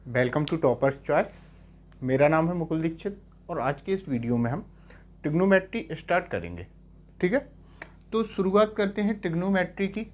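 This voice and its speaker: A man's voice: fairly high pitch, very animated, moderate pace. Male math teacher explaining step by step. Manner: explains step by step, asks "clear?" to check understanding. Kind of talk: classroom lecture on trigonometry.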